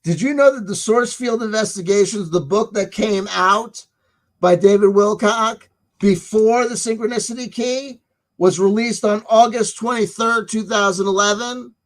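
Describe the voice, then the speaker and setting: A man with a notably high voice hosts a livestream monologue. He rambles insistently, circles back over his phrases and leans hard on his points. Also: normal speed. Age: 30s to 40s. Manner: emphatic, insistent, repeats himself. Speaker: livestream host.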